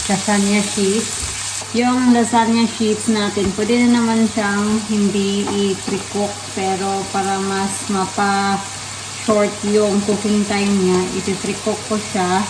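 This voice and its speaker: A young Filipina mother with a Filipino accent talks viewers through a home recipe at an unhurried pace, switching easily between Tagalog and English. Her voice bounces around a hard-surfaced kitchen, with pans sizzling and frying clearly underneath. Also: medium pitch, reverberant, heavy background noise. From Philippines. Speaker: vlogger, mother of a baby. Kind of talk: casual cooking vlog.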